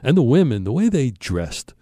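A man's voice: medium pitch, sing-song, moderate pace, warm tone, no room sound, clean studio sound. An older man with a Brooklyn accent tells a personal story in an emphatic, conversational way, acting out the dialogue. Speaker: storyteller on a talk show.

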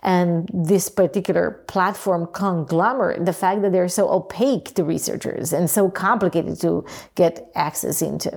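A woman's voice: fairly low pitch, steady tone, moderate pace, vocal fry, hardly any pauses, a little mellow, husky. A woman co-hosting a podcast as an academic researcher, chiming in with wry, sarcastic quips in casual chat.

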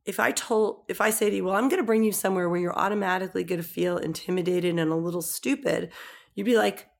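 Middle-aged woman, guest in a casual chat, animated storyteller who acts out quotes. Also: lowish voice, fast, vocal fry. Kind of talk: casual conversational interview.

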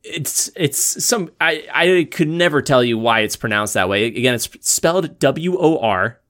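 A man co-hosting a podcast in easy, casual chat. He rambles through his stories, pausing and restarting as he searches for the next detail. His voice sits at a medium pitch. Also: lively intonation, fairly bright tone. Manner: rambling, halting with fillers and restarts. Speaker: podcast co-host.

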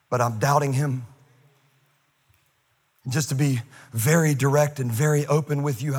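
Middle-aged male pastor, raspy and bright, funny animated sermon delivery. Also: a little high, big-room sound. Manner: humorous, animated preaching with asides.

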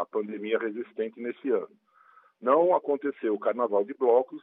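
A man calling in to a radio interview as a guest spokesman, on a glitching line that keeps cutting out, explaining at length with many "é" and "né" tags. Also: mid-range voice. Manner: long explanations full of "é" and "né" tags. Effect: glitching audio, the call keeps cutting out. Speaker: guest spokesman for a carnival bloc collective. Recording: tinny phone line breaking up.

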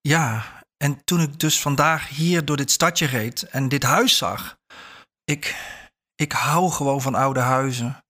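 A man's voice: medium pitch, slow pace, sharp tone. A man reading a story aloud and voicing a nervous, stout businessman who stammers and hesitates. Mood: hesitant.

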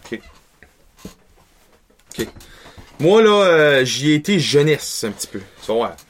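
Laid-back man, slightly high voice. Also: sing-song, measured pace. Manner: laid-back, short replies, lists picks. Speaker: podcast co-host. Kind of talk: casual hockey chat.

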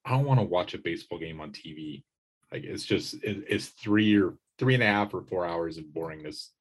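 Slightly deep-voiced man chatting casually. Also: animated, a little fast, husky. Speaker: sports beat writer, podcast regular. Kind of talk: casual podcast chat.

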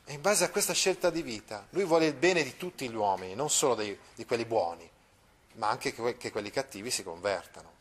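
A man's voice: mid-range voice, animated, fairly quick, slight background noise. A male teacher giving a literature lesson, explaining a passage, paraphrasing it and asking questions, with occasional restarts.

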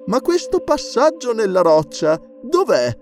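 A man voicing a proud, alluring woman priestess in an audiobook, speaking slowly in a raised, lilting voice. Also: big pitch swings, a little mellow, soft background music, heavily acted. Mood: imperious. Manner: slow, lilting, high put-on voice.

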